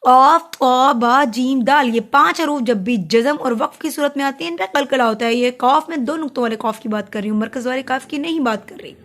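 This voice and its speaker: A woman teaching Quran recitation rules, explaining each letter and drawing out the words slowly. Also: high-pitched, fairly bright tone. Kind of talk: tajweed lesson with recitation.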